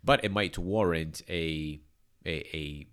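On his church's podcast, a pastor talks slowly in a rumbling low, smooth, fairly bright voice. His allergies leave him congested, and his earnest, careful delivery has plenty of fillers and restarts.

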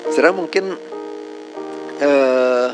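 A man's voice: mid-range voice, slow, over music, low-quality recording. A man preaching a casual, joking sermon to a congregation, tagging nearly every phrase with a call to his listeners. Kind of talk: conversational sermon.

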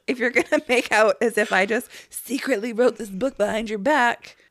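A woman's voice: a little high, moderate pace, a bit bright, no room sound, studio quality. A woman co-hosting a podcast, chatting casually and emphatically about reality TV and acting out quotes. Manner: emphatic, acts out quotes with laughs. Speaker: podcast co-host. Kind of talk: casual gossip chat.

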